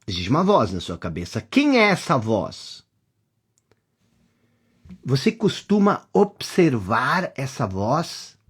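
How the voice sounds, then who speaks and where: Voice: mid-range voice, wildly swooping pitch, slow, pauses often, slightly rough. A teacher with a Brazilian accent gives a reflective lesson, addressing the listener directly and repeating rhetorical questions. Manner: speaks directly to the listener, sometimes dropping to a hush. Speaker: course teacher.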